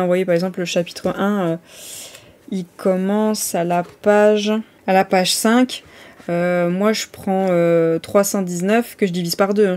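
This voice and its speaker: A woman's voice: mid-range voice, a little mellow. A woman chatting casually in a vlog, with many hesitations and restarts as she goes through her list. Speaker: vlogger.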